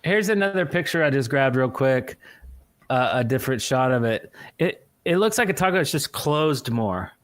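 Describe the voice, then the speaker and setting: A man's voice: medium pitch, lively intonation, moderate pace, no room sound, studio quality. A man co-hosting a live talk show, chatting casually and reading through a list with joking asides. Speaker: podcast co-host.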